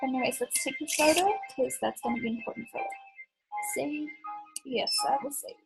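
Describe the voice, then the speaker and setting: A woman's voice: high-pitched, a little fast, creaky, husky, faint music behind, rough recording. A woman hosting a let's play, chatting as she plays, thinking aloud, and tossing in sarcastic asides. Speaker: gaming channel host.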